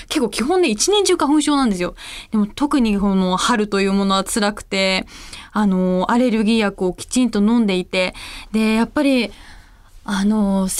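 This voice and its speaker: A woman voice actress chatting on her own radio show, telling anecdotes with animated energy. Her voice sits high and swoops widely up and down. She talks at a brisk, rapid clip. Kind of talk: casual solo radio talk.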